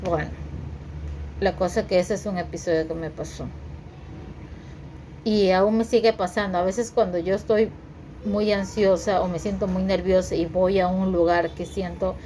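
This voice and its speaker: A woman telling a personal story to her viewers in a halting way, repeating words and using many fillers. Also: on the low side, dark tone, slight background noise. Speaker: vlogger sharing her story.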